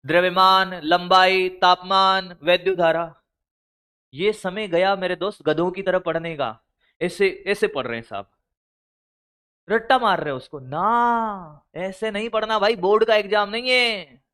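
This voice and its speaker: A man's voice: sits high, pushed and bright, clean tone. A physics teacher giving scolding, motivational study advice, full of rhetorical questions to his students.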